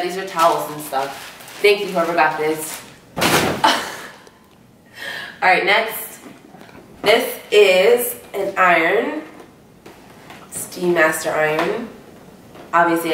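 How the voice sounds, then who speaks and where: A woman's voice: low voice, measured pace, pauses often, a bit bright, a little hiss or hum. A young woman vlogger casually chatting as she unboxes gifts, bubbly and slangy, full of "like" fillers. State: out of breath at times. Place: room at home, moving in. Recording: echoey empty room, camera mic from a distance.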